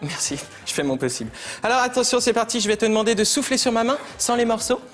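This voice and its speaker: A man's voice: extremely high pitch, big pitch swings, fast talker, fairly bright tone, faint music behind. A man performing as a stage magician, joking and teasing his volunteers with playful patter in a TV studio. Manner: teasing, playful, laughs often.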